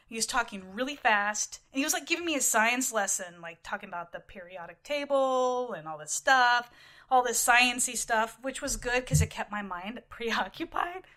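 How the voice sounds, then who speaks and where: A woman's voice: fairly high pitch, moderate pace. A woman co-hosting a casual gaming podcast, telling a rambling story with lots of "like". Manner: rambling storyteller, animated, says "like" often. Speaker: podcast co-host. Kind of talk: casual chat.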